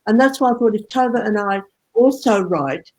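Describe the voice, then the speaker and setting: A woman co-hosts a relaxed group call in a mid-range voice. She pauses to hunt for words and agrees easily with the others. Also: medium pitch, low-quality recording. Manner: hesitant, searching for words, agreeable. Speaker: co-host. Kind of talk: casual group discussion.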